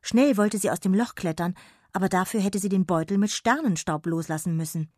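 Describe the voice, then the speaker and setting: A woman narrating a children's story in a gentle, measured way. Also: medium pitch, no room sound, clean studio sound. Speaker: audiobook narrator.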